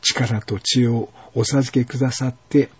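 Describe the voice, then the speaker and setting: A man reads the part of an earnest young girl in a spoken story, praying softly and pleading for guidance. The voice stays husky and breathy, with a mid pitch for a man. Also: steady tone, measured pace. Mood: prayerful.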